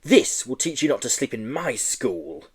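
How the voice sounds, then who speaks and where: Brief: man playing a drawn-out, bellowing, petulant headmaster. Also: mid-range voice, big pitch swings, husky. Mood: stern outraged.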